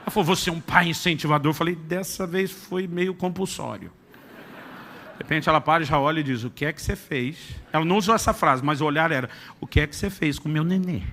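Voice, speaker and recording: A middle-aged man preaching a sermon, telling a family story with acted-out dialogue and shifts to a soft, intimate tone. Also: fairly high pitch, fast, slight background noise. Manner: animated storyteller acting out dialogue, dropping to soft intimate tones. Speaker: pastor.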